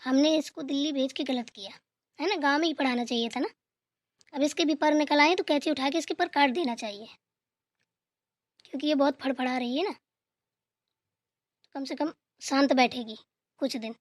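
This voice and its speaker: Woman doing a preachy strict cartoon mom, highish voice, dry close sound. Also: normal speed, pauses often, dry recording, lightly acted. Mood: lecturing. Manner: lecturing, preachy. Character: strict middle-aged mother, lecturing daughter.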